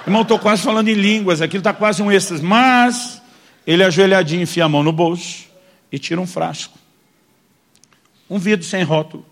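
A Brazilian man preaching, a pastor with a rather high voice. He tells his story animatedly to the congregation, acting out the lines of the people in it. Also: a little fast. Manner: animated storyteller, addresses listeners as "irmão", acts out quotes. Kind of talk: sermon storytelling.

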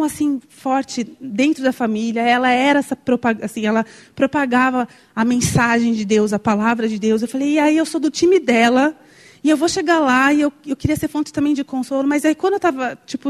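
A young woman from Brazil, preaching a sermon and telling a personal story, heartfelt and full of exclamations. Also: high voice. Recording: long hall reverb.

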